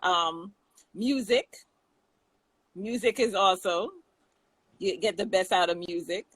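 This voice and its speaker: A woman's voice: medium pitch, slow, fairly bright tone, husky, no room sound, rough recording. Jamaican woman co-host, easy banter, frequent laughs, dead-dry sound. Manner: chatty, laughs often, many restarts. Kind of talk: casual chat.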